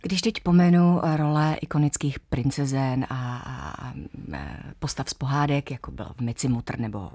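A woman hosts a radio interview in a notably low voice. The sound is dry and close, with no room around it. She reads a prepared introduction and then asks measured questions. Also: animated, mellow, no room sound. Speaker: radio host.

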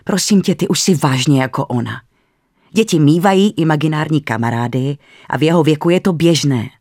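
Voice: medium pitch, animated, darkish tone, no room sound, close to an everyday voice. A storyteller voicing a practical, skeptical young mother in a dry, close recording.

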